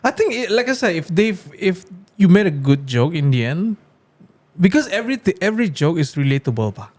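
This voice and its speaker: A man's voice: sits high, big pitch swings, a little fast, darkish tone. A man hosting a podcast in casual chat, playful and teasing with his guest. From Brunei. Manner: playful, teasing, uses "bro". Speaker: podcast host.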